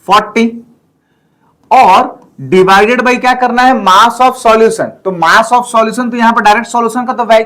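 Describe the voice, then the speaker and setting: A man's voice: sits high, a bit bright. A man teaching a chemistry lesson in speech, mixing in English terms and explaining step by step with frequent check-ins. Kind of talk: classroom lecture.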